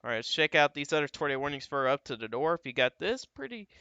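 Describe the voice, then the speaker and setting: A man's voice: fairly high pitch, sing-song, fast talker, bright, forceful tone, clear, resonant tone, no echo, highs cut off. A man hosting a live weather stream, walking through radar images in a casual, thinking-aloud way. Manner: casual, thinking aloud, frequent "uh" and "you got". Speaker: livestream weather host.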